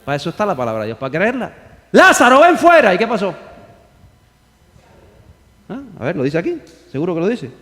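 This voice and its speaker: A man's voice: fairly high pitch, sing-song, quick pace, long pauses, in a large hall. A man preaching a sermon as pastor, emphatic, firing rhetorical questions and calling on the congregation to repeat after him.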